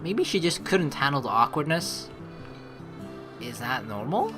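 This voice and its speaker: Game music plays as a let's player, a woman whose low voice swings widely in pitch, talks a little slowly. She thinks aloud in a rambling, casual way, reads out game text and drops some casual swearing.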